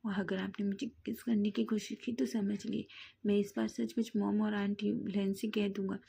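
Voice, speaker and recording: A woman voicing an indignant, easily angered young man in a read-aloud story, scolding in rapid bursts. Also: medium pitch, flat delivery, vocal fry, mellow, a little hiss or hum, close to an everyday voice. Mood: angry. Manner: scolding, rapid-fire complaints.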